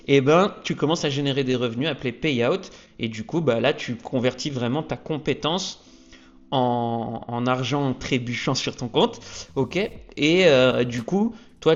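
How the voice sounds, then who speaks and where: Upbeat man explaining, slightly dull audio. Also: medium pitch. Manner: energetic, peppers lines with "ok?". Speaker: trading youtuber. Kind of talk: casual explainer talk to camera.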